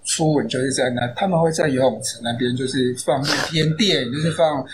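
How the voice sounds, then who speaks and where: A man's voice: medium pitch, fairly quick. A man with a Taiwanese Mandarin accent, an author guest on a podcast, chatty and anecdotal with many fillers. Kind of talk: casual podcast interview. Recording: noisy background.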